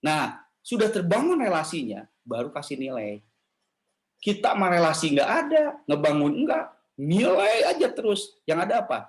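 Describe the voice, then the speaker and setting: A man giving a lively, casual sermon to a women's church gathering, asking the audience questions and slipping into quoted voices. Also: fairly high pitch, moderate pace. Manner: animated, jumps into playful quoted voices and asks the audience questions; casual slangy talk mixed with formal preaching.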